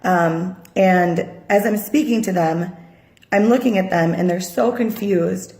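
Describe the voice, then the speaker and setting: A woman from Sri Lanka making an earnest, halting personal video appeal as a mother, audibly upset and pausing often. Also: on the low side, dark tone. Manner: earnest, halting, with many pauses and fillers. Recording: echoey room.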